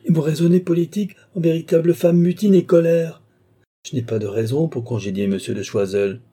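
A man voicing a weary middle-aged king who speaks in a placating, gently reproachful way. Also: on the low side, fairly quick, natural voice.

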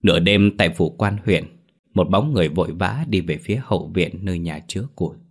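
A man narrating a story in a steady, even reading voice. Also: low voice, fairly quick.

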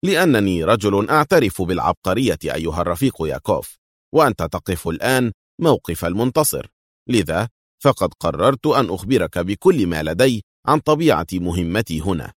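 A man voicing a composed secret agent hero who speaks calmly and with dry mockery. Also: deep voice, fairly quick, no room sound. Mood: calm, sardonic. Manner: calm and dryly mocking. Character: calm, sardonic male secret agent hero.

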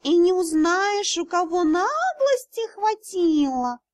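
A woman's voice: extremely high pitch, lively intonation, slow, voice pushed up, full character voice. A woman voicing a cheeky male cat who is the spirit of a golden dragon, teasing and drawling in an audiobook. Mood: cocky. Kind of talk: audiobook character voice.

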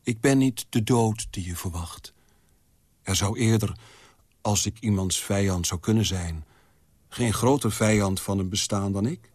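A man reading as a weary, calm angel. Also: fairly low pitch, unhurried, slightly rough, no echo. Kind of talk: literary reading.

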